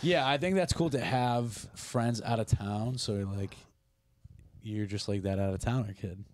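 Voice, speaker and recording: A man chatting casually on a podcast, laid-back and quick to laugh, swearing now and then. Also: lowish voice, a little mellow, no room sound. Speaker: podcast co-host. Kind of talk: casual chat.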